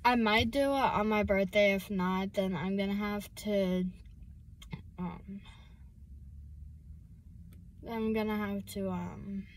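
A woman's voice: medium pitch, steady tone, slow pace, pauses often, a little hiss or hum. A seventeen-year-old girl vlogging while driving, rambling and hesitant with lots of fillers and restarts. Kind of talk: casual chat while driving. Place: inside a car.

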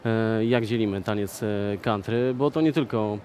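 A young man hosts a magazine interview, speaking in a lively presenter manner with filler pauses. His voice is on the low side. He is recorded on a headset mic in a shopping mall, with slight background noise.

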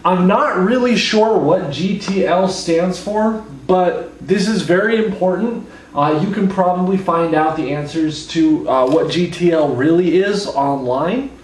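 A hungover young man teaches casually in a deadpan, slightly awkward way. His voice sits a little high. He is recorded in a roomy space at some distance from the mic. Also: a little slow, a little hiss or hum. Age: young adult. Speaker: calculus lecturer. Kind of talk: casual whiteboard lecture with joking asides. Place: living room at home, indoors. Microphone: camera mic from a few feet away.

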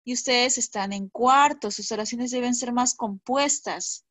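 A woman teaching children over a video call. Her voice sits a little high and sounds dry and close. She speaks patiently and keeps asking whether they follow. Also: measured pace, fairly bright tone, no echo. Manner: patient, checks in with "¿ya?" and "¿sí?". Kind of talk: online class teaching.

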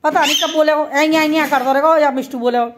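A woman's voice: sits high, fairly even intonation, quick pace, background noise. A woman filming at home, talking to her pet parrot in playful, coaxing baby-talk and teasing scolds. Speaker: pet vlogger.

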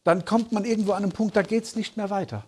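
A man with a somewhat raised, husky voice teaches scripture in a sermon. He speaks earnestly and explains step by step, pausing to check in with his listeners. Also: high voice, steady tone, a little mellow. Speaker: Bible teacher. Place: conference hall.

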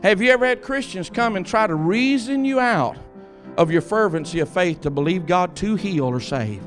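A man's voice: sits high, expressive, moderate pace, soft background music. A man preaching a fervent, emphatic sermon and calling out to his congregation.

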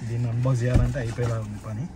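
Man, quick chatty vlog host, mid pitch, steady background noise. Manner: chatty, mixing in English words. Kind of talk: casual unboxing chat.

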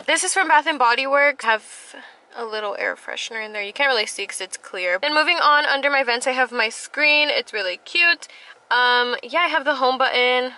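A young woman in her twenties vlogs from a parked car, rambling and poking fun at herself in a chatty way. Her high voice is animated, pushed and bright at a moderate pace. The dashboard camera captures it in poor audio.

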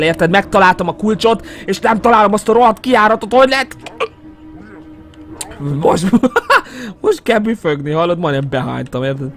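Young hungarian guy yelling through a horror game on a headset, high voice, swings up and down a lot, faint game music. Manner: jumpy, excitable, yelps and mutters to himself. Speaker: gaming YouTuber. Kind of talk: horror game let's play commentary.

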